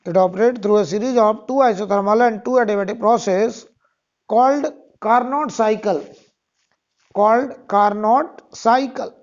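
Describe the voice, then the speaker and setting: A teacher with an Indian accent dictating lecture notes, repeating phrases slowly word by word. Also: medium pitch. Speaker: physics teacher. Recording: dull, muffled lo-fi sound.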